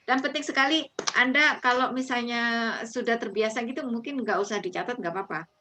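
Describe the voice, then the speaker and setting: A woman's voice: fairly high pitch, fairly quick, noisy background. A woman teaching presentation skills in an online class, chatty, with many fillers and restarts, dropping English phrases into her talk.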